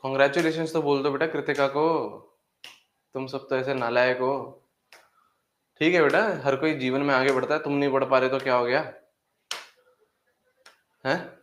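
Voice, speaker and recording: A man's voice: medium pitch, fairly even intonation, normal speed, pauses often, fairly bright tone, slight background noise. A man teaching a chemistry class online, calling the students "beta" and repeating each phrase to drive it home. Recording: echoey room.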